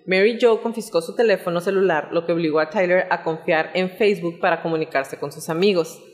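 A woman hosting a podcast, telling a true crime story in a relaxed narrating tone. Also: fairly low pitch, brisk, long reverb tail. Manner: reads out chat messages in a relaxed narrating tone. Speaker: podcast host.

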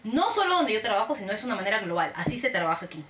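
Woman, Peruvian Spanish accent, casual podcast chat, animated storyteller, lively pitch, echoey room. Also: very fast, slight background noise. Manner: animated storytelling, acting out callers. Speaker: podcast co-host.

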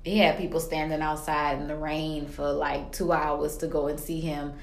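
A woman with a low voice hosts a casual chat. She rambles colloquially and drops quips, and her voice rings with noticeable room echo. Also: level tone, normal speed, gravelly. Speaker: podcast host. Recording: roomy echo.

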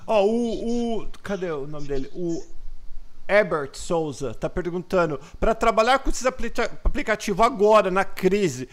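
A man's voice: sits high, lively intonation, measured pace. A Brazilian man hosting a live podcast, asking questions and bantering with slang. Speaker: podcast host.

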